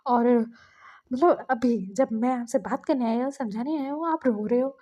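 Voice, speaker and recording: A woman's voice: high-pitched, normal speed, mellow. A woman reading a story aloud and voicing an exasperated young man who pleads with his partner.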